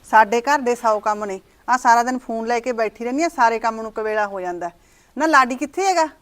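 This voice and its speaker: An actress playing a sharp-tongued mother-in-law who nags and scolds her daughter-in-law, in a village short-film drama. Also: on the high side, a little fast, lightly acted. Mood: nagging. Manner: scolding, nagging.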